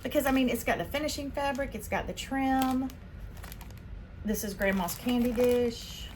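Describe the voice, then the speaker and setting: A woman from Spain hosting a casual haul vlog, chatting excitedly as she unboxes her purchases. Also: a little high, moderate pace, slight background noise. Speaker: vlog host.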